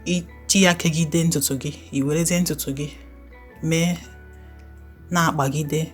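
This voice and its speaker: A woman's voice: sits low, fairly even intonation, normal speed, soft background music. A woman with an Igbo Nigerian accent giving a casual, conversational voiceover for a step-by-step tutorial. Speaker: hair tutorial host.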